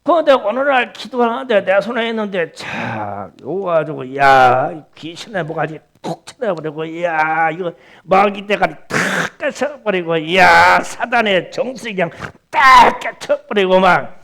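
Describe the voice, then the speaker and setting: A pastor preaching a fervent sermon at a prayer meeting, swinging from hushed, drawn-out talk to loud shouting. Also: male voice, high-pitched, expressive, vocal fry.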